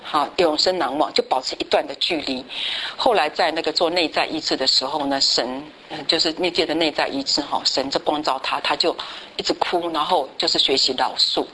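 Woman church teacher, slightly low voice; lively storyteller who keeps asking the class questions. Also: brisk, slight background noise, poor audio. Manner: lively storyteller, tags sentences with a chatty particle, asks the class questions. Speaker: church Bible study teacher.

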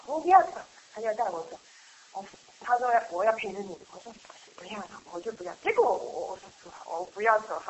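A woman's voice: a little high, a little hiss or hum, rough recording. Chatty middle-aged woman telling a story. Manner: chatty, halting, laughs often, many restarts. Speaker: church member giving a testimony. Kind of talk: casual spoken testimony.

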